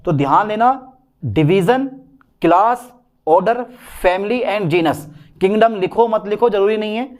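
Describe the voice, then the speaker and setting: A man's voice: high voice, a little slow. A male botany teacher giving an online exam-prep lesson, repeating key points and reassuring his students.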